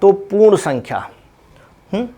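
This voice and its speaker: Chemistry teacher, male, high voice, unhurried, walks students through each step. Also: sing-song, dark tone. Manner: slow, step-by-step explaining with repeated check questions. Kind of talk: blackboard lesson.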